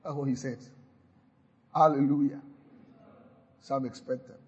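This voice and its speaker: Speaking in a mid-range voice that is a little slow, a little mellow and slightly rough, a male pastor keeps his intonation fairly even. He exhorts listeners through a sermon of repeated call-and-response declarations full of hallelujahs, captured on a lo-fi recording.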